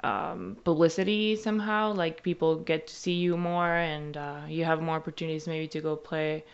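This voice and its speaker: A young woman in her twenties, a university basketball player, answers interview questions in short, hesitant phrases. Her voice is very low and smooth, and the recording sounds a bit muffled. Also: little pitch movement, normal speed. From Argentina. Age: 20s. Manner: hesitant, many filler uhs, speaks in short phrases.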